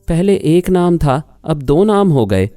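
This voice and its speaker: A man's voice: lowish voice, expressive, warm tone, no echo, soft background music, lightly acted. A man voicing a jealous young wife who accuses and argues, in an audiobook reading. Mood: sarcastic. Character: jealous young woman, sharp-tongued wife.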